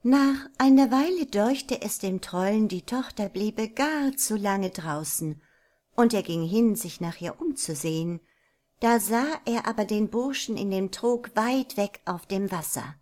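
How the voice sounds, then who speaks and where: Slow, calm woman reading a fairy tale. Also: mid-range voice. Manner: calm, measured narration. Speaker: storyteller. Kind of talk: reading a folk tale aloud.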